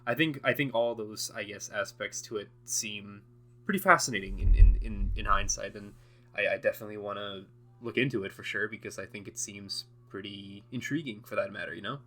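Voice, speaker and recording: A man's voice: on the low side, steady tone, brisk, a bit bright. A young man recording an unscripted audio diary, rambling and hesitant with many fillers and restarts, often breaking into laughs. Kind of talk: unscripted casual monologue.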